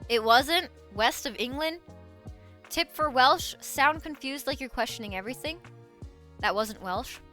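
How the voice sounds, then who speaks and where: A woman's voice: high voice, unhurried, bright, forceful tone, faint music behind. A woman streamer in casual live-stream chat, playful and giggly, swearing freely.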